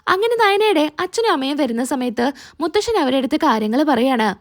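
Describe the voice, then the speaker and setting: A woman with a high-pitched, expressive voice quickly recaps an episode of a serial as spoken narration, voicing its lines in passing.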